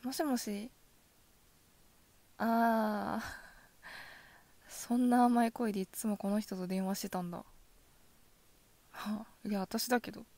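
A woman voicing a possessive yandere girlfriend in a soft ASMR role-play, sweetly coaxing with quiet menace. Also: medium pitch, fairly even intonation, slow, pauses often, dry recording. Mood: coldly jealous. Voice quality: soft, often dropping in a soft voice. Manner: yandere: sugary coaxing turning quietly threatening.

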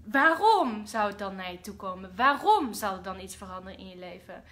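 A Dutch woman hosting a casual spiritual livestream, expressive, with loud outbursts and soft whispers, mixing in English phrases. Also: mid-range voice, brisk. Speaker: livestream host.

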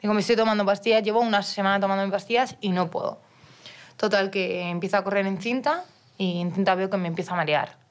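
A woman's voice: medium pitch, steady tone, fast talker. A young woman from Mallorca, a guest on a podcast, telling a personal story in casual chat with frequent restarts and quoted dialogue. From Mallorca, Spain. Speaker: guest, professional footballer.

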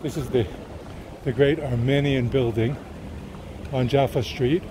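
A male tour guide narrates while walking, his voice at an everyday middle pitch. He explains the sights in an unhurried way. Street and tram noise is clearly audible behind him. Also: steady tone. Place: city street outdoors. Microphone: handheld camera while walking.

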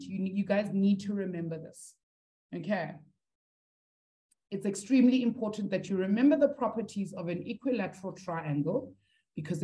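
A woman's voice: mid-range voice, warm tone. A woman teaching a live online maths lesson, encouraging her students and reading their answers from the chat.

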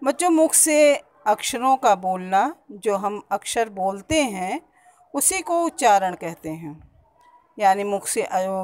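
A woman teacher giving a Hindi grammar lesson on pronunciation to schoolchildren, with a Hindi accent from around Allahabad, explaining step by step and repeating words slowly to correct them. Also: on the high side. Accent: Hindi as spoken around Allahabad.

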